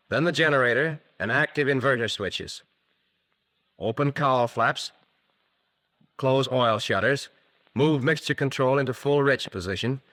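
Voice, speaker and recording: On a vintage film soundtrack, an American man narrates a scripted 1940s instructional film in a crisp, methodical way. His medium-pitched voice is pushed and bright.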